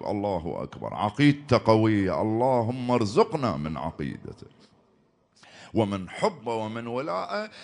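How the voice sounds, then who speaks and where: Impassioned preacher, lamenting. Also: male voice, on the low side. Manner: impassioned storytelling with lamenting cries. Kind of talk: mourning sermon narration.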